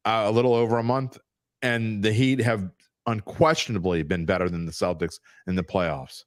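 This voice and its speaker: A man with a lowish voice argues sports bets in a blunt, worked-up way, often jumping higher as he presses a point. The sound is dry and close, with no room around it. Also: steady tone, moderate pace, no room sound. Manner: emphatic, blunt, worked-up arguing. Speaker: sports betting podcast co-host. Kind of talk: casual sports betting debate.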